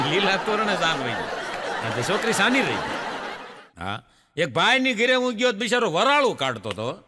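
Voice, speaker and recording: Man, stand-up joke storyteller, high animated voice, bright tone, reverberant stage sound. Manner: storytelling, voicing the people in his jokes. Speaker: stand-up comedian. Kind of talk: Gujarati stand-up joke telling. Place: stage before a live laughing audience. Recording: live stage with hall reverb.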